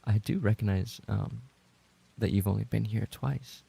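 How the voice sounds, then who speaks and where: This man, a roleplay voice actor hosting a livestream, has a fairly low, very gravelly and creaky voice that stays steady and mellow at a measured pace. While he casually reads out and responds to viewer messages, he swears, feigns playful indignation, and says things twice when he gets flustered.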